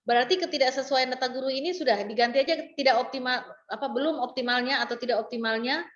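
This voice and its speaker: A woman's voice: high-pitched, fairly even intonation, fast talker, echoey room, muffled recording. A woman training instructor guiding an online class, explaining step by step with frequent fillers and restarts over a video call.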